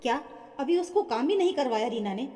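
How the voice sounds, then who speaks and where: A woman voicing a rude, arrogant young husband who sneers and shouts. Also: high-pitched, lively intonation, a little fast, in a large hall.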